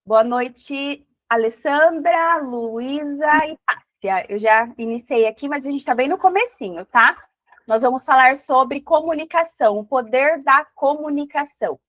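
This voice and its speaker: Brief: woman mentor on a video call, high voice, dry close sound, coaxing questions. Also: measured pace, a bit bright, no echo. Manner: encouraging, asks listeners reflective questions. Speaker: mentor teaching an online class. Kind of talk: live online class talk.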